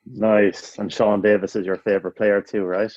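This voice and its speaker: A man's voice: on the low side, level tone, moderate pace, darkish tone, no room sound. Guy cohosting a chatty podcast, jokey, very dry dull-sounding mic. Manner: jokey, laughs often. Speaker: podcast co-host. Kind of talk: casual podcast chat, quick-fire questions.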